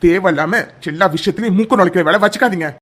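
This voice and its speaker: A man's voice: high voice, rapid-fire, fairly bright tone, a little hiss or hum. A man voicing a curt, arrogant young man. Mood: cold, dismissive. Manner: curt, lecturing, cold. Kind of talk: cartoon voice acting.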